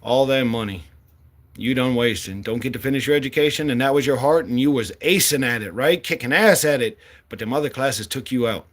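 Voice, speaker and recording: Brisk and fairly bright in tone, this medium-pitched voice belongs to a political candidate in his late forties. He speaks with fire, bluntly and with plenty of swearing.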